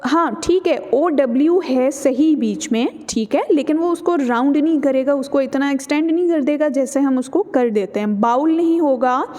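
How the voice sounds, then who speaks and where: Lady teacher, high voice, super slow on the english words, keeps saying theek hai, kinda reverby room. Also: dark tone. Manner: explains in Urdu mixed with English, repeats "theek hai" often; slows down sharply on English model words. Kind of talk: online pronunciation lesson.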